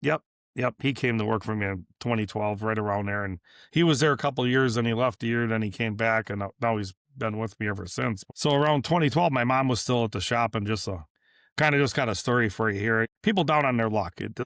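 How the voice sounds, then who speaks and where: Rambling through a long story, this business owner guest, who runs a repair shop, keeps repeating and restarting and acts out dialogue during a casual podcast interview. He speaks fairly quickly with a medium-pitched, slightly bright voice, in a dry, clean studio recording.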